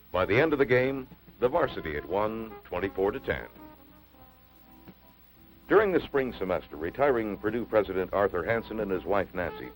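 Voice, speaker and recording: Lively low-voiced man narrating an old newsreel. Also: rough recording. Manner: measured, announcing delivery.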